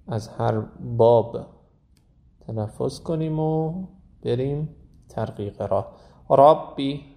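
A man gives a recitation lesson in a low, gravelly voice with a mellow, dark tone. He explains pronunciation rules at an easy pace, then drags out example words slowly and deliberately, saying each several times. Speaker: Quran recitation teacher.

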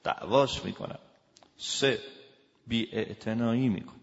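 A man giving a lecture as a family counselor. He talks emphatically, swinging between loud raised lines and low, quiet asides. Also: vocal fry, long reverb tail, lo-fi sound. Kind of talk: lecture to an audience.

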